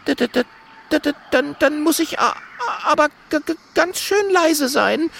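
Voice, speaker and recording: A man's voice: very high voice, big pitch swings, normal speed, fairly bright tone, a little hiss or hum, voice pushed up, exaggerated voice. A man voicing a frightened young male monkey who stammers with a trembling voice. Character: high-pitched stuttering young male monkey.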